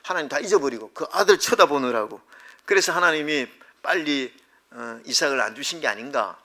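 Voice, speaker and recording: Male pastor preaching in church; piercing, somewhat high voice, dramatic, jumps between loud cries and hushed whispers. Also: expressive, brisk. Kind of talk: Sunday sermon. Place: church sanctuary.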